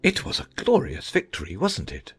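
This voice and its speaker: A man voicing a gentle, eccentric knight in a storybook audiobook, earnest and friendly, with a husky voice. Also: on the low side, huge pitch swings, normal speed, faint music behind, exaggerated voice. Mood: kindly, pleased. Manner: friendly, earnest, swooping intonation.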